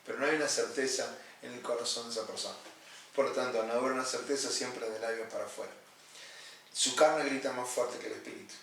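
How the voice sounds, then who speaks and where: Earnest pastor, echoey and distant. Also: male voice, medium pitch, steady tone, fast, vocal fry, a bit bright. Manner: earnest, explanatory, repeats key phrases. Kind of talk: Bible study teaching and counseling. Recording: echoey room, distant mic, faint noise.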